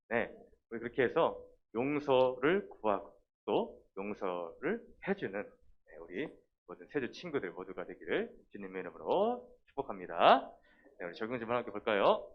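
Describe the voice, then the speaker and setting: A man preaching a children's sermon in a lively way, talking straight to the kids and acting out little scenes. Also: mid-range voice. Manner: lively, talks directly to the children and acts out quotes. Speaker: children's pastor. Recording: dull lo-fi sound.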